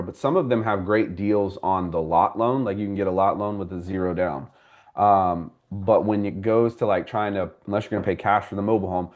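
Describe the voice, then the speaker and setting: A man's voice: low-pitched, a little mellow. A man hosting a live homebuyer class as a mortgage broker, explaining things conversationally and answering viewers by name. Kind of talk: live class with audience questions.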